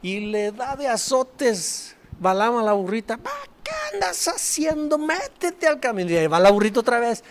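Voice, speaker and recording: High-voiced pastor telling a Bible story. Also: male voice, a bit bright. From Mexico. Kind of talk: sermon.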